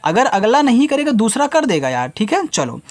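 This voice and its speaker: A man teaching a reading lesson to young learners. He reads letters out slowly, one at a time, then explains each sound in a patient, steady way. He talks straight to the children, like a classroom teacher. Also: extremely high pitch. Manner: addresses the viewers as children.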